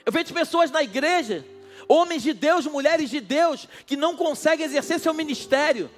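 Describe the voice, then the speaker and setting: The speaker is a male pastor at a night service, preaching with passion and addressing the listeners directly. His voice sits very high, his pace is moderate, and music plays faintly in the background.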